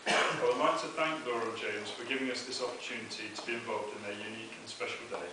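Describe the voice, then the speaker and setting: A man's voice: on the low side, fairly even intonation, quick pace. Best man, young male, anecdotal wedding speech; echo-heavy, noisy, off-mic sound. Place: inside a wedding venue, speaking to guests. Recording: very echoey, noisy, distant event recording.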